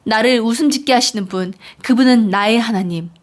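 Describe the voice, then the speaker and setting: A woman reading psalms aloud in an earnest, measured way. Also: a little high. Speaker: Bible reader. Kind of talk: scripture reading.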